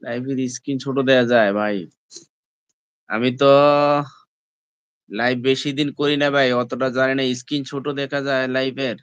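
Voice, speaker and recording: A man hosts a casual live stream from his phone. His voice comes through smooth and clear, with a dry, close sound and no room echo. He keeps nudging viewers, calling them brother and friends. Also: mid-range voice, level tone, moderate pace, pauses often, a bit bright. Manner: repeatedly asks viewers to comment and like. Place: indoors, at home.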